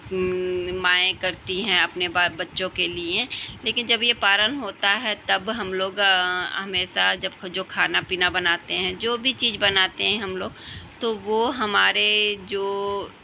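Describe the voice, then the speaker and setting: A woman with a hoarse, tired voice, calmly explaining her day in a home vlog with frequent pauses. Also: mid-range voice, slight background noise. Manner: calm, explanatory, with pauses and fillers. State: hoarse throat. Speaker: vlogger mother. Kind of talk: casual home vlog narration.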